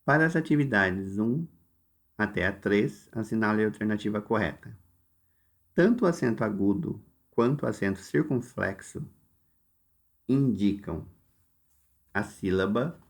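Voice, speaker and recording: A Brazilian man with a low, gravelly voice talks his students through workbook exercises. He speaks slowly, stressing each word, and gives patient step-by-step directions. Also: expressive. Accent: Brazilian Portuguese. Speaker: Portuguese teacher. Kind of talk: recorded lesson walking through workbook exercises.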